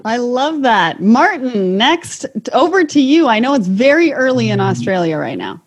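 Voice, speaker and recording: A woman hosts a panel talk show with an upbeat, encouraging manner. Her voice sits a little high. She speaks clearly over a video call. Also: big pitch swings, moderate pace. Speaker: podcast host.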